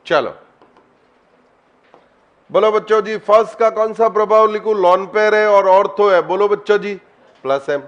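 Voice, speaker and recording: A man with a high voice teaches a chemistry lesson online. He keeps quizzing his students, coaxing answers out of them and calling on them by name. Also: lo-fi sound.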